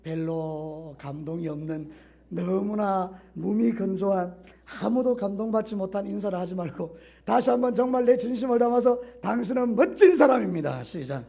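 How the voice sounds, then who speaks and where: A middle-aged male pastor preaching a sermon, swinging from loud exhortation to soft asides. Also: high-pitched, moderate pace, vocal fry. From Korea.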